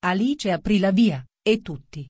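A woman's voice: mid-range voice, animated, measured pace, a little mellow, breathy edge, dry recording, studio quality. Woman reading a storybook aloud. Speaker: narrator.

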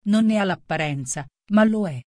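A woman's voice: medium pitch, expressive, normal speed, darkish tone, no room sound, studio quality, close to an everyday voice. A woman voicing Alice, a polite and curious young girl, in an audiobook reading. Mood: earnest. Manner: polite, earnest.

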